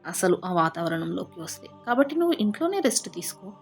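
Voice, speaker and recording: A woman voicing a soft-spoken young husband, loving but secretive, with no change of voice from her own. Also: medium pitch, big pitch swings, fast, faint music behind. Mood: pleading.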